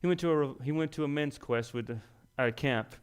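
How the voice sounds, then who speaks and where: A young man delivers a sermon in a folksy, storytelling way. His voice sits a little high, and he acts out the voices of the people he talks about. He builds to loud, emphatic peaks. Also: quick pace, clear, resonant tone. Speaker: preacher.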